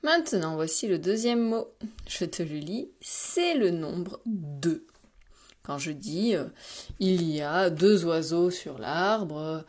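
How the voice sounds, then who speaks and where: A patient woman teacher reading a dictation aloud to young children, pronouncing each syllable slowly and clearly. Her voice sits a little low for a woman, and she speaks directly to the pupils in a gentle, encouraging classroom manner. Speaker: primary school teacher.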